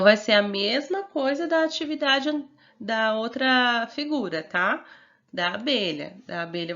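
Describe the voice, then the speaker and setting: A woman's voice: medium pitch, fairly bright tone, muffled recording. A woman teacher with a Brazilian Portuguese accent, giving a recorded lesson to young children and patiently sounding out words syllable by syllable.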